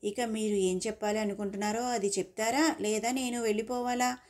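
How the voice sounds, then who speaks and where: Woman reading as a snappy, sarcastic young heroine with a mellow tone, storybook style. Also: on the high side, steady tone, fairly quick, lightly acted. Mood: sarcastic scolding. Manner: scolding, sarcastic. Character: sharp-tongued young woman, quick to snap.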